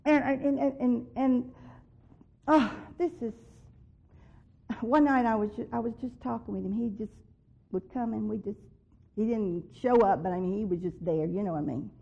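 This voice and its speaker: A woman's voice: fairly high pitch, fairly even intonation, normal speed, creaky, husky. A woman giving an earnest personal faith testimony, growing emphatic when she repeats what she believes God told her. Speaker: testimony speaker. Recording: dull lo-fi recording.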